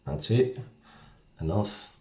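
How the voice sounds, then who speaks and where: A man with a Basque accent and non-native English gives a casual, halting, step-by-step cooking tutorial as an amateur home cook. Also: dark tone. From Basque Country. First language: not English. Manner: halting, step-by-step, often checking with "okay?". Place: home kitchen, indoors. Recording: echoey room, background hiss and clicks.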